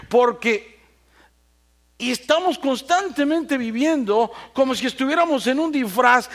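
A man preaching a sermon, telling stories and often asking the congregation for assent. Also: very high voice. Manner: animated storyteller, asks the congregation for assent. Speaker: pastor.

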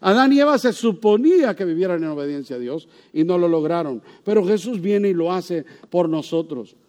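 A man's voice: high-pitched, animated, moderate pace, a little mellow. A male pastor preaching a sermon in a conversational way, asking the congregation rhetorical questions.

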